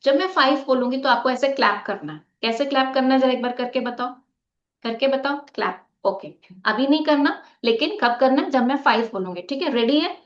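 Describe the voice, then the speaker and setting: A woman's voice: high voice, lively intonation, a little fast. A woman teaching a live online meditation lesson, asking the class rhetorical questions, leading a group activity and mixing English words into her talk. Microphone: video call. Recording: muffled video-call audio.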